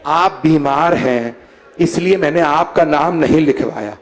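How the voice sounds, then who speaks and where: A grieving father gently consoles his sick daughter, voiced by a male preacher in a majlis sermon. He speaks slowly and softly, in a fairly high voice. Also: close to an everyday voice. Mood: tender.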